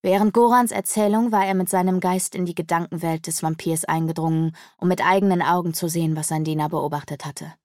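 A woman narrating a dark fantasy novel in a measured storytelling manner. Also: lowish voice, steady tone, dry recording, studio quality. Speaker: audiobook narrator. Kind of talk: scripted narration.

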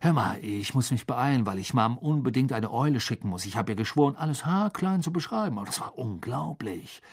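A man voicing an upbeat young man in a hurry, speaking quickly and eagerly. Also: medium pitch, animated, slightly rough, dry recording, studio quality. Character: hurried, upbeat young man, older brother.

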